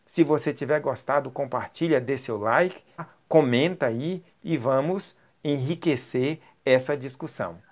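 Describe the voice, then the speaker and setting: A man with a Brazilian Portuguese accent teaching an online language lesson, explaining slowly and checking in with the listener as he goes. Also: mid-range voice. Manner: slow, explanatory, checks in with "ok?" and "certo?".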